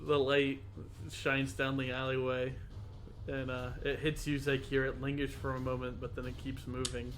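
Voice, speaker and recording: A man narrating a tabletop role-playing game as game master, relaxed and dotted with fillers. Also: medium pitch, moderate pace. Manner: relaxed narration with fillers, occasionally loud bursts.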